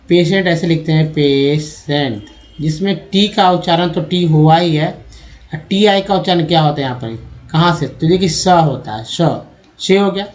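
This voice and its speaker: A man's voice: fairly high pitch, a little mellow. A man teaching English pronunciation in a spoken lesson, spelling words out letter by letter and checking in with his viewers. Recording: dull lo-fi recording.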